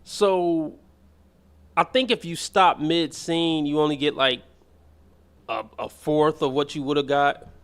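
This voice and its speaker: Male stream host, casual slangy rambler, slightly raised pitch. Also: slow, long pauses, fairly bright tone, clear, resonant tone. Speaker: livestream host. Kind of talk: casual chat reacting to chat and a clip.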